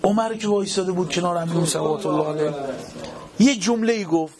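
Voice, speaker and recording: A man's voice: high-pitched, a crowd in the background. A man preacher telling a religious story in a fervent, dramatic way, acting out the quoted lines.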